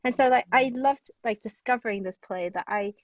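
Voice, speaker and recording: Speaking at normal speed in a voice on the high side, a woman from Hong Kong enthusiastically discusses plays as a guest playwright in a casual literary chat. She digresses and keeps dropping "like" and "you know." There's no echo, though the audio sounds distant, dull, and lo-fi.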